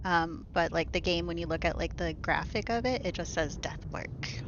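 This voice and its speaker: Speaking at a moderate pace in a fairly low voice, a woman streamer reads a story game aloud into a desk mic at home. She chats casually and softly, peppering her speech with "like" and "um." The sound is lo-fi with a noisy background.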